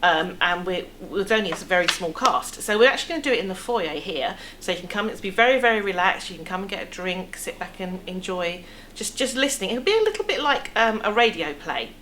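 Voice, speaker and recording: Being casually interviewed in an indoor theatre foyer café seating area, a middle-aged English theatre producer explains things in a chatty way. Her mid-range voice is a bit bright and a little fast with lively intonation, and background room noise comes through clearly.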